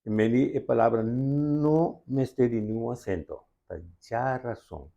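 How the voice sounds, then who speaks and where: A man's voice: mid-range voice, moderate pace, creaky, warm tone, dull audio. A man with a Curaçaoan accent, a language expert patiently explaining spelling rules step by step in an interview.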